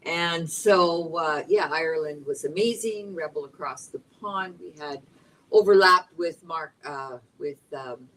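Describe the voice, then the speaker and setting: A woman's voice: sits low, measured pace, fairly bright tone, distant mic, slight background noise, low-quality recording. Upbeat woman from Costa Rica, off-mic. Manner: rambling, lots of uh and um, upbeat. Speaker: guest. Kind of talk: casual roundtable chat. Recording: voice a bit off-mic.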